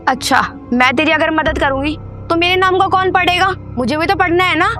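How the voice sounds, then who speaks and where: A woman's voice: extremely high pitch, steady tone, brisk, pushed and bright, faint music behind. A woman playing a friendly classmate who explains a lesson in a casual way in an amateur horror drama. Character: friendly schoolgirl friend, a bit reluctant.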